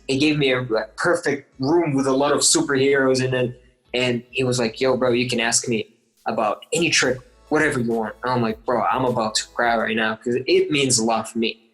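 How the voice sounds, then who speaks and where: A man's voice: medium pitch, a bit bright, rough recording. Eager young man telling stories. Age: 20s. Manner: eager storytelling, full of likes and restarts. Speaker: guest athlete. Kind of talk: casual interview chat.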